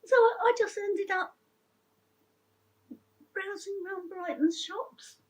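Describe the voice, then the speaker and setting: A woman's voice: extremely high pitch, takes it slowly, low-quality recording. An older woman telling her own story in an interview, chatty and heartfelt, rambling with many restarts. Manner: emotional and heartfelt.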